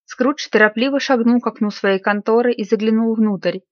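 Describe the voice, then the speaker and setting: Brief: female audiobook narrator, somewhat high voice, expressive and measured, dry slightly muffled recording. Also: dry recording. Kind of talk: storybook narration.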